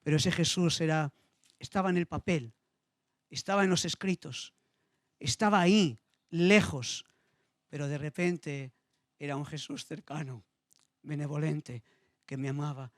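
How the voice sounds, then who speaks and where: A man's voice: on the high side, steady tone, measured pace, long pauses, no room sound, studio quality. A middle-aged man preaching a sermon, telling a personal story with feeling and repeating his phrases. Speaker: pastor.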